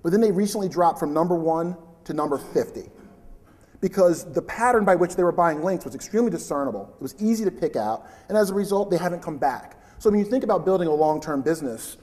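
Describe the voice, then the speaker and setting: Conference speaker, male, loud and chatty, reverberant hall. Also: on the high side, lively intonation, fast talker. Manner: loud, chatty, invites interruptions. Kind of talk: live conference presentation.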